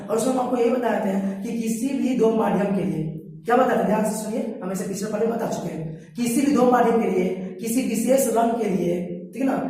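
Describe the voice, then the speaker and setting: Woman teacher, quick, asks herself questions, mic far off in a big echoey room. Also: on the high side, dark tone. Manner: repeats questions and answers them herself. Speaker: science teacher. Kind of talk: classroom lecture at a board.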